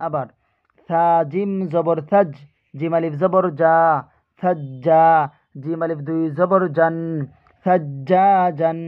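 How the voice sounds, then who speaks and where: Man slowly spelling out Arabic syllables. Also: on the high side. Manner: slow, drawn-out recitation of each syllable, repeated. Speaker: Quran reading teacher. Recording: tinny phone-like sound.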